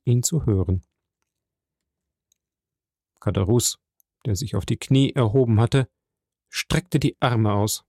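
A man reading a classic novel aloud as an audiobook narrator, in a measured way. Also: mid-range voice, dark tone, dry recording, clean studio sound. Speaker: audiobook reader. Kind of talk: scripted narration.

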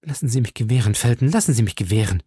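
A man's voice: medium pitch, animated, racing, warm tone, breathy edge, dry recording, clean studio sound. A man reading an audiobook, voicing a captive noblewoman who pleads fervently and passionately. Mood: pleading. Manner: impassioned, pleading.

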